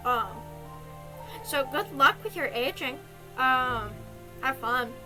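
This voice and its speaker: A young woman with a high-pitched voice chats casually as a streamer, giving advice in a loose, rambling way full of ums and small giggles. Music plays clearly in the background the whole time. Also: lively intonation, slow pace, low-quality recording.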